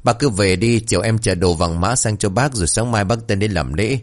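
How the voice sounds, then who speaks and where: A man's voice: on the low side, a little fast, close to an everyday voice. A man voicing a sly young village man who teases and jokes. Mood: teasing. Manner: teasing.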